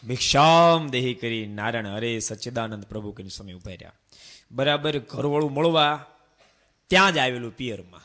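Preacher, man, bright forceful tone; devotional sermon with rhetorical questions and slow chanted refrains. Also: medium pitch, expressive.

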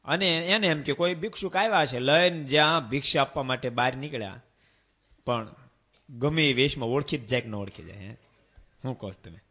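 Preacher, man, bright forceful tone; devotional sermon with rhetorical questions and slow chanted refrains. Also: medium pitch.

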